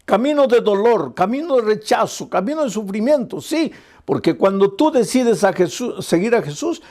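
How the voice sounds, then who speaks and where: A man's voice: sits high, a little mellow. An older man preaching a sermon as a pastor, earnest and building on repeated phrases.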